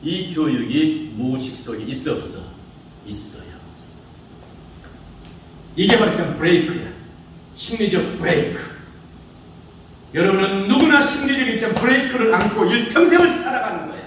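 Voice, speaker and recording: Very animated and high-voiced, a middle-aged speech instructor bantering with his class moves at a moderate pace with long pauses, teasing students through rhetorical questions in a casual lecture. The recording is distant and echoey, with slight background noise.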